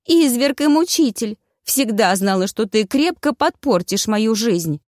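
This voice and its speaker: A woman voicing a lively, playful young heroine who complains and exclaims in an audiobook. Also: fairly low pitch, moderate pace, dry recording, clean studio sound, natural voice.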